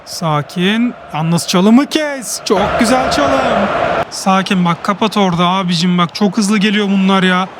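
Very high-voiced excitable gamer man. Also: unhurried, noisy background. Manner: excitable, boastful, joking play-by-play. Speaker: gaming YouTuber. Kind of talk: live gameplay commentary.

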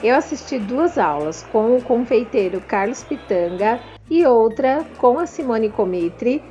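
Narrating her trade fair vlog, a Brazilian Portuguese-accented confectioner talks chattily and straight to viewers. Her voice is on the high side, animated, mellow and a little slow, with highs cut off and faint background music.

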